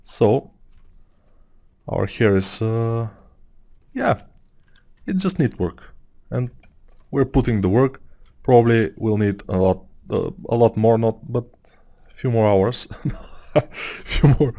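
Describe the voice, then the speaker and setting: This is a man from Bulgaria in his thirties whose mid-range voice sounds gravelly yet mellow. He is animated but slow and pauses often, musing his way through a casual 3D sculpting tutorial over screen work with many fillers and a Bulgarian accent.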